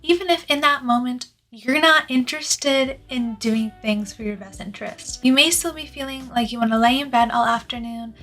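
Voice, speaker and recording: Woman, slightly high pitch, self-improvement YouTuber delivery, scripted advice, earnest emphasis on key words, music underneath. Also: normal speed, few pauses, a bit bright. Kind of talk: scripted personal development advice to viewers, productivity YouTuber delivery.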